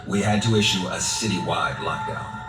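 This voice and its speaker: Deep, grave male actor as a game director. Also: close to an everyday voice. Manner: formal, measured, deliberate. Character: grave, composed male director of a secret organization. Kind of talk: video game voice acting. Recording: roomy, distant sound under loud music.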